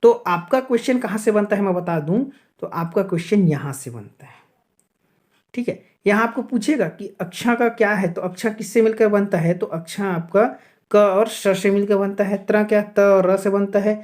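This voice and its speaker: A man teaching an exam-prep grammar lesson. He keeps asking and answering his own questions, checks in often with "okay", and slows down to spell out sounds one by one. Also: high voice, a little mellow. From Chhattisgarh, India.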